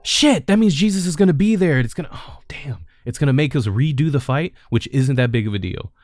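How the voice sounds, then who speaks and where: A man giving casual gameplay commentary as a streamer, with excitable, joking, swearing reactions. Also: mid-range voice, fairly quick, no echo. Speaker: gaming streamer.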